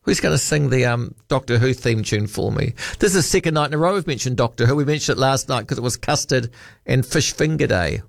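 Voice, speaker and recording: A man's voice: mid-range voice, lively intonation, a little fast, gravelly, dry recording, clean studio sound. A man hosting a late-night talkback radio show, chatting and bantering with callers. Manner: chatty, warm-hearted banter, restarts. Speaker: radio host. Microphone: studio microphone.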